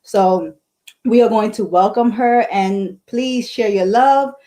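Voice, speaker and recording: A woman's voice: mid-range voice, slow, warm tone, rough recording. A woman hosting a livestream interview over a video call, upbeat and fond of asking "right?" and "okay?". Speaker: livestream host. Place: indoors at home. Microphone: earphone mic on video call.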